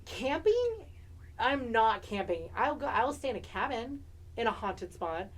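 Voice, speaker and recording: A woman's voice: fairly high pitch, lively intonation, moderate pace. A woman co-hosting a podcast in casual chat, skeptical and playfully teasing. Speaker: podcast co-host.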